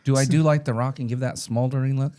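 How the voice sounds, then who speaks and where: Male podcast guest, playful joker, mid pitch. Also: fairly even intonation, fast, warm tone. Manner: joking, playful, laughs often. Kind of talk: casual storytelling chat.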